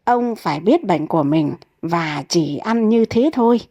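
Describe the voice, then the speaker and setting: A woman's voice: fairly low pitch, lively intonation, measured pace, dark tone, no room sound. A fussing elderly wife nags and scolds without letup, as a woman reads her. She is anxious and insistent, a figure in a comic storybook. The recording is dry and close. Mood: nagging.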